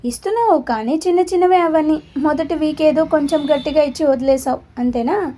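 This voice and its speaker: A woman's voice: high-pitched, a little fast, mellow, close to an everyday voice. A woman playing a man's teasing conscience. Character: man's mocking conscience, his teasing double.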